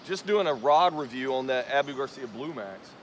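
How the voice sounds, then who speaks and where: A tripod camera some way off films a young fishing vlogger casting from a riverbank and chatting about his technique. He speaks in a mid-range voice with lively intonation, and the rushing current adds slight background noise.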